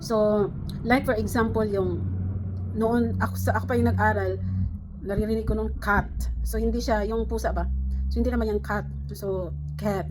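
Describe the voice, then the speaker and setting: A woman's voice: medium pitch, darkish tone, slight background noise. A middle-aged woman from the Philippines, chatting casually to camera, rambling with many fillers and restarts. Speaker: vlogger.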